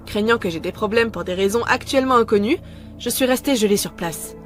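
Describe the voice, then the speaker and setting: A woman narrating a first-person horror story in a calm, measured way, scripted. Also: medium pitch, soft background music.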